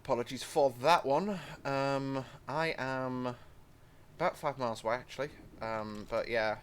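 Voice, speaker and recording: Unhurried and smooth, a mid-range male voice carries casual let's-play commentary on a train game. The young British channel host is rambling and chatty, with apologetic asides.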